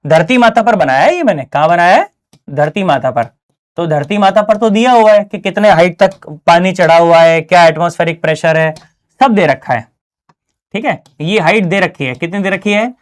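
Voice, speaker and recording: A man teaching physics in a relaxed, slangy online lesson from a small closed studio, who keeps checking in with his students. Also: high-pitched, normal speed. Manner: chatty, slangy, keeps asking "है ना?". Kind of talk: casual online exam-prep lesson.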